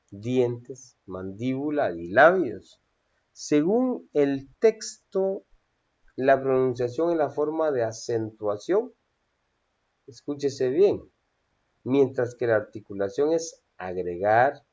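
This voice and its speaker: Man lecturing on speaking, dark voice. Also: mid-range voice. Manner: measured, instructive, addresses listeners directly. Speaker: instructor. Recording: dull lo-fi phone recording.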